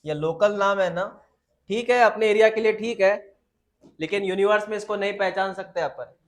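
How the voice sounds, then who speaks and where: High-voiced biology teacher lecturing students. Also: male voice. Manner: informal, addresses students as beta, asks and answers own questions; reads textbook lines slowly in English. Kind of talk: classroom lecture.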